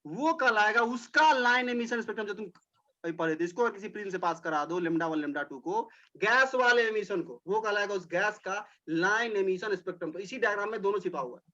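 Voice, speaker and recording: A man's voice: high-pitched, expressive, fairly quick, pushed and bright, highs cut off. A male teacher giving a classroom lecture, explaining step by step, repeating points and speaking directly to his students.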